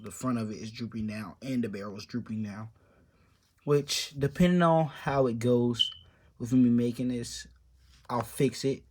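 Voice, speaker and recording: A man's voice: medium pitch, slight background noise. A young man in a casual show-and-tell vlog, rambling offhandedly about his papercraft build and trailing off mid-sentence. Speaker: papercraft hobby vlogger.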